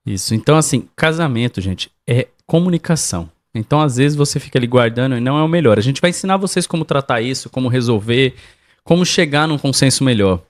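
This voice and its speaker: A man's voice: mid-range voice, lively intonation, quick pace. A man co-hosting a podcast, giving marriage advice in a didactic way and speaking straight to the listeners. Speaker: podcast co-host. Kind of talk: casual advice chat.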